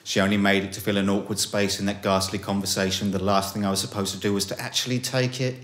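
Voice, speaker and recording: A young man performing a comic, self-mocking spoken-word story at a small live gig, dropping to low mutters and rising to panicky highs. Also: little pitch movement, fast, a bit bright. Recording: roomy live room.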